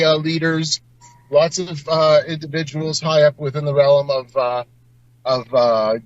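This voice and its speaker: A man's voice: fairly high pitch, dry recording. Dull lo-fi field report from a man. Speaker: on-site correspondent. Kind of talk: informal live field report, answering an interviewer. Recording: dull, lo-fi remote call audio.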